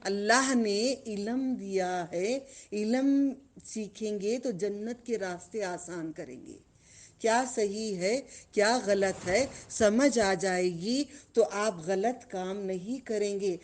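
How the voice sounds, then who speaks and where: A woman's voice: mid-range voice, darkish tone. A woman giving a religious lesson to children, questioning the class and drawing out repeated phrases. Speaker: religious teacher.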